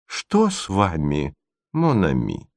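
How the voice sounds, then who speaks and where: A man voicing a scheming middle-aged lady who speaks in a soft, hushed, sorrowfully sweet tone in a storybook reading. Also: mid-range voice, big pitch swings, a little slow, no echo, clean studio sound. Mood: reproachful.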